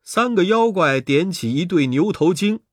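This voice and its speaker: A man narrating a children's story in an expressive, dramatic storytelling manner. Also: high voice, normal speed, slightly rough, no echo, clean studio sound.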